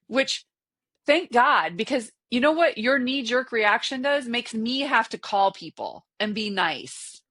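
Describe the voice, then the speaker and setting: A woman's voice: on the high side, expressive, measured pace, fairly bright tone. A woman in her sixties co-hosting a casual podcast chat, teasing and motherly, often laughing. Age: 60s. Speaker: podcast co-host.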